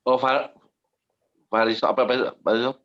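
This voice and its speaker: A man's voice: medium pitch, little pitch movement, moderate pace, fairly bright tone, muffled recording. A man in the congregation giving short, helpful answers to the preacher. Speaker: congregation member.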